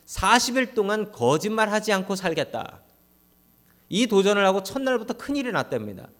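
Lively, higher-voiced male pastor preaching. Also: normal speed. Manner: humorous, acts out quoted voices; appeals to congregation directly. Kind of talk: Sunday sermon with humor.

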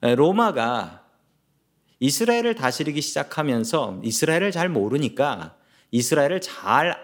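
Brief: male pastor mid-sermon, storyteller, lively pitch, medium voice. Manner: storytelling, asks the congregation questions.

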